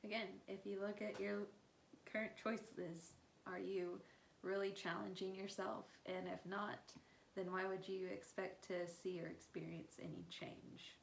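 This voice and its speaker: A woman's voice: mid-range voice, level tone, measured pace, vocal fry. A woman co-hosting a casual podcast, reflective and encouraging. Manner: reflective, encouraging, asks pointed questions. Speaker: podcast co-host. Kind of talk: casual chat. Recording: echoey room with faint hiss.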